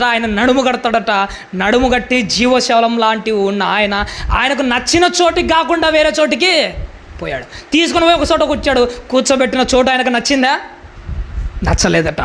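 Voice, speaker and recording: Pastor guy w a high voice preaching hard, keeps firing questions at the crowd. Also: animated, moderate pace, fairly bright tone. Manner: emphatic preaching with rhetorical questions. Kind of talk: sermon.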